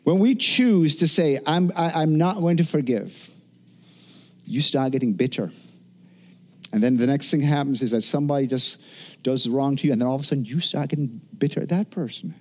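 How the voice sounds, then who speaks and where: A man's voice: medium pitch, lively intonation, a little fast. A middle-aged man preaching a sermon as pastor, earnest, often restarting and repeating words.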